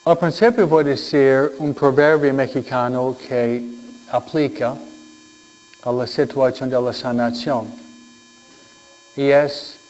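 A man speaking as a priest in solemn church delivery, reading scripture and preaching with deliberate phrasing and frequent pauses. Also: mid-range voice, fairly even intonation, darkish tone, highs cut off, a little hiss or hum. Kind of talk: solemn Gospel reading and homily.

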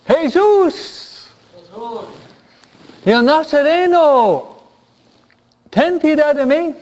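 A man preacher voicing a desperate blind beggar who cries out in a pleading shout. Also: high-pitched, huge pitch swings, extremely slow, muffled recording, full character voice. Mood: pleading cry.

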